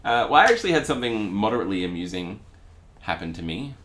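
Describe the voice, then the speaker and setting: Male co-host, low and very animated, rambling, laughing storyteller. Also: quick pace, slight background noise. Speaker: podcast co-host. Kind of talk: casual chat.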